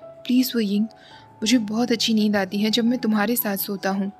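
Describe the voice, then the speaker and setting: Woman reading as a persistent, bossy young guy, coaxing and insistent, soft music behind. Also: mid-range voice, steady tone, a little fast, natural voice.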